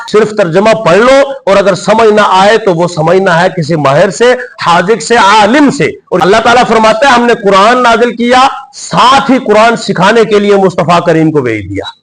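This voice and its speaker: A man's voice: high voice, poor audio. A man giving an emphatic religious lecture, posing rhetorical questions to his listeners. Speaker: Islamic preacher.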